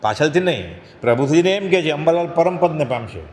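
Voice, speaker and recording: A man's voice: fairly high pitch, expressive, quick pace, a little mellow. A man giving a spiritual discourse, telling a parable and acting out its characters' voices. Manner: acts out voices of the lions in the parable. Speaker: spiritual speaker. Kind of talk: devotional discourse with storytelling. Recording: long hall reverb.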